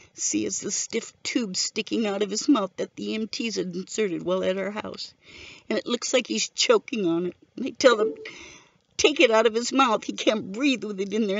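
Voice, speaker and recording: A woman's voice: mid-range voice, creaky, dry recording, dull audio. A middle-aged woman telling the story of her husband's death in an emotional, tearful way. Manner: emotional, tearful, present-tense retelling. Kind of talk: personal spoken testimony.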